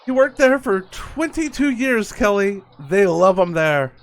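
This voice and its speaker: A man's voice: high voice, big pitch swings, unhurried, exaggerated voice. A man reading the lines of a worried, talkative middle-aged mother from a game, nagging and repeating herself, with faint game music behind. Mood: chiding. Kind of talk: reading game dialogue aloud in character.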